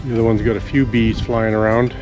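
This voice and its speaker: A man vlogging outdoors on a country walk, musing aloud in a relaxed, rambling way with pauses as he thinks. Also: fairly low pitch, over music. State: out of breath after a steep climb.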